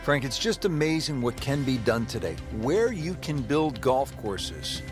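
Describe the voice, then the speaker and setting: A man playing a measured television golf commentator, calling play in a video game broadcast. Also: medium pitch, very animated. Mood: admiring. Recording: music and crowd behind voice. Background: music and crowd.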